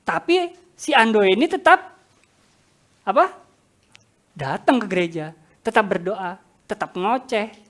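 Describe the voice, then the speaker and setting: A woman preacher telling a story in a sermon, animated and talking straight to the congregation. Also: medium pitch, measured pace, pauses often. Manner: animated, addresses congregation directly.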